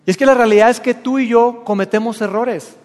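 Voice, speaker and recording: A man's voice: very high-pitched, fairly even intonation, brisk, a little mellow, long reverb tail. A man with a Mexican accent, preaching a sermon to his congregation and telling personal stories as the pastor. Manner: storytelling with personal anecdotes, addressing the congregation. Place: church.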